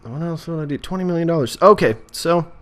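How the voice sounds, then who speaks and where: An American-accented man hosts a casual vlog, rambling jokily and often interrupting himself as he meanders. His voice is a little high, expressive, fast and a bit bright.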